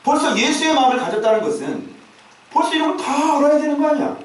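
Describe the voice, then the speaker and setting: A man's voice: very high voice, sing-song, fast talker. A male pastor preaching a sermon, talking to the congregation with constant rhetorical questions and casual asides. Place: church sanctuary. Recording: very echoey church hall, mic far off.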